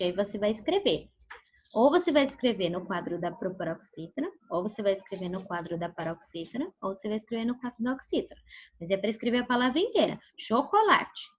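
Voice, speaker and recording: A woman teaching a primary school class online with a Brazilian Portuguese accent. She speaks patiently, checks in with the class often, and stretches out syllables slowly when modeling words. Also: fairly high pitch, a bit bright. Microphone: video call. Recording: dull lo-fi video call audio.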